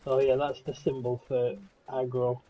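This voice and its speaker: Medium-pitched man in casual gaming chat. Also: completely flat delivery, moderate pace, noisy background. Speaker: gamer in a co-op let's play.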